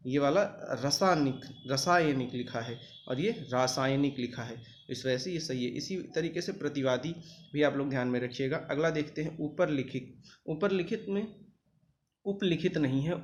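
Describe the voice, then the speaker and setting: A man's voice: on the high side, slight background noise. A man with a North Indian Hindi accent teaching an online exam-prep spelling lesson, repeating each word and reminding students to remember it.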